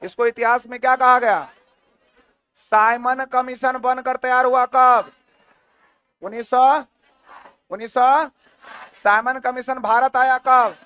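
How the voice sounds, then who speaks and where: A man with a very high, bright voice runs an exam-prep history lesson. He drills his students with quick questions and repeats each answer several times. The sound is dry and close. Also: little pitch movement, clear, resonant tone, no room sound. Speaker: teacher.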